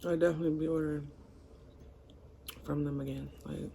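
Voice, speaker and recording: Male mukbang host, lightly raised pitch, informal and candid, eating crunchy fried food as he talks, faint noise behind. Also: little pitch movement, fairly quick, gravelly, warm tone. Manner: eating crunchy fried chicken and fish between phrases; informal, candid, self-reflective talk.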